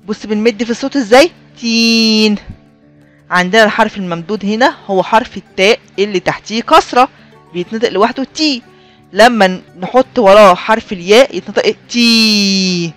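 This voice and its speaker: A woman with an Egyptian Arabic accent teaching a children's reading lesson, repeating key points and slowly drawing out example words. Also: mid-range voice, soft background music. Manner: drawn-out sounding of example words; repeats and addresses learners as friends.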